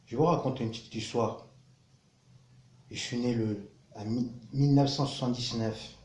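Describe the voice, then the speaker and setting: A man, praying and then telling his life story in an earnest, halting way, repeating words as he searches for them. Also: medium pitch, steady tone, darkish tone. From Cameroon. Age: 30s. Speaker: vlogger sharing his testimony. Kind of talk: prayer and personal testimony. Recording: roomy echo with faint background noise.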